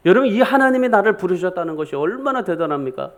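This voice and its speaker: A man's voice: high voice, very animated, fast talker. A middle-aged male pastor preaching a sermon in a church, emphatic and often putting questions to the congregation. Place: church sanctuary.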